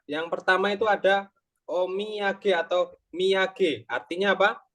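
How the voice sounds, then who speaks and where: A man's voice: high voice, unhurried, fairly bright tone. Patient young man tutoring Japanese. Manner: patient, explains step by step with tag questions. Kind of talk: online Japanese lesson explained in Indonesian.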